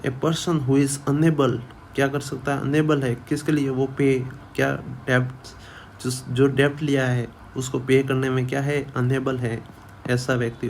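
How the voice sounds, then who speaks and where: A male teacher takes his students through vocabulary at an unhurried, deliberate pace. He repeats each word again and again and keeps asking questions he answers himself. A faint hiss of noise sits under his voice. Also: medium pitch, a little mellow. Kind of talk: vocabulary lesson for exam students.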